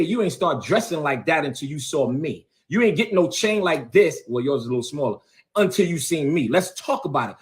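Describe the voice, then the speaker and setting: A man, a bishop, ranting confrontationally on his own livestream, repeating himself and calling people out. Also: a little high. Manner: confrontational, repetitive, heated. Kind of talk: livestream rant. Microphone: phone or webcam on a livestream.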